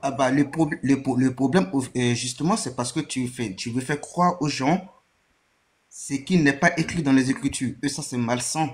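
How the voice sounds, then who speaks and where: Un homme qui intervient dans un débat en direct en ligne, au haut-parleur, faible et lointain, hésitant et plein de reprises. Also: male voice, mid-range voice, normal speed. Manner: hesitant, many restarts and stammers. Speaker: guest joining a live stream. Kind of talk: live online debate.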